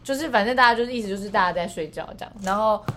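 Fast-talking woman telling a story. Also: mid-range voice, pushed and bright, soft background music. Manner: rambling storyteller with many restarts. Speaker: podcast co-host. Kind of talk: casual storytelling chat.

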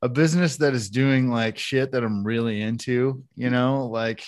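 A podcast co-host who is high on cannabis chats loosely and laughs a lot while reading a sponsor spot on a casual show. His voice is medium-pitched, with a steady tone and moderate pace.

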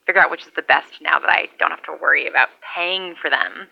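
An actress playing a lone, wry survivor rambling into a CB radio years after the collapse. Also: female voice, deep voice, fast talker, gravelly, full character voice. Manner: rambling, wry, conversational monologue. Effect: over a CB radio. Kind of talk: audio drama radio log. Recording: muffled lo-fi radio sound.

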